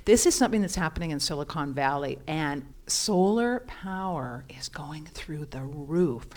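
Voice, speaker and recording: A woman's voice: sits low, animated, normal speed. Chatty, enthusiastic woman. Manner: enthusiastic, chatty, many fillers. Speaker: co-host presenting news items. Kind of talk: casual chat.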